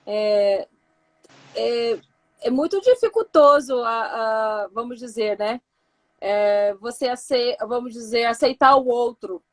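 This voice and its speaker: A woman's voice: on the high side, takes it slowly. A woman as a guest in a casual live chat, speaking hesitantly with lots of fillers.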